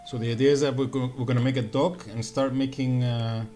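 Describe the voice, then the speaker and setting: Over slight background noise, this man speaks at medium pitch with a flat, dark delivery and a fairly quick pace. He's a game streamer doing live gameplay commentary, cracking jokes with chat and reasoning aloud about his plays.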